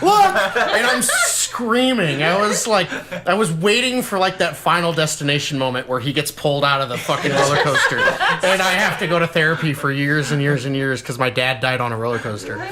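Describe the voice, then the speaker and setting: A young man, a podcast host, telling a story in casual chat, animated and swearing, breaking into high shouts when he quotes someone. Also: noisy background. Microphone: podcast mic, low-quality audio.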